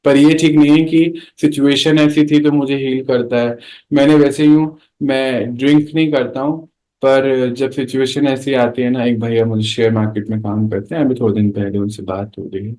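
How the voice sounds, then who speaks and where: A man's voice: mid-range voice, level tone, moderate pace, warm tone, rough recording. A man giving a conversational spiritual talk to an audience, telling everyday anecdotes and asking rhetorical questions. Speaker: spiritual speaker.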